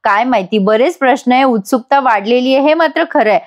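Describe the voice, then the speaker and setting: A woman's voice: high-pitched, fairly quick. A woman giving a voice-over recap of a TV serial episode, chatty and emphatic, addressing viewers directly. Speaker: TV serial reviewer.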